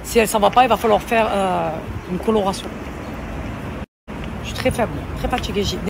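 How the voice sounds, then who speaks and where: Woman, Marseille accent, deep voice; chatty vlogger out on a noisy street. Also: a little fast, gravelly. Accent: Marseille French. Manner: chatty, confiding, talks straight to followers. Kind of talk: casual vlog chat. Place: outdoors on city streets. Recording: loud street traffic behind. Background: traffic and city noise.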